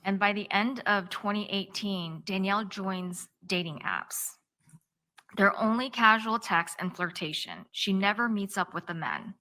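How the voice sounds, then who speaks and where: Bright-voiced woman lawyer addressing a courtroom. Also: mid-range voice, lively intonation. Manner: tells events step by step in present tense, measured. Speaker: defense attorney. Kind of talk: courtroom opening statement.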